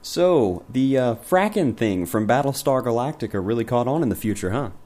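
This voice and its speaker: A man hosting a comic mock interview, deadpan and sarcastic with casual slang. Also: mid-range voice, normal speed. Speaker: interviewer and host.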